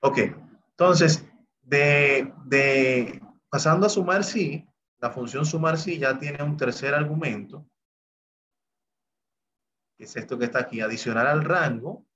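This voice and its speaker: A man's voice: on the high side, measured pace, pauses often, muffled recording. Man teaching a spreadsheet lesson. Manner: explains step by step, with repeated "bien" and "entonces"; talks through each step of what the software does. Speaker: Excel instructor. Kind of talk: recorded screen-share lesson.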